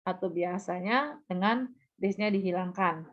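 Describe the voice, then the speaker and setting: A woman teaching a language lesson, patiently explaining and modeling example phrases aloud, with quick checks that the listener understands. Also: fairly low pitch. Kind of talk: recorded online lesson. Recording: dull, muffled lo-fi sound.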